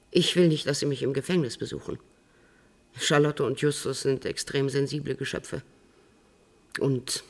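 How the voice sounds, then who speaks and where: A gravelly, composed prisoner. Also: female voice, very deep voice, darkish tone, heavily acted. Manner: composed, measured, precise about wording. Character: composed middle-aged woman in custody. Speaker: prisoner on remand giving an interview. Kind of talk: radio drama acting.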